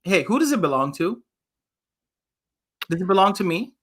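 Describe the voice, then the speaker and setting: With a husky, high-pitched voice at a moderate pace, an imam hosts a children's story session, reading and chatting energetically and quizzing his listeners.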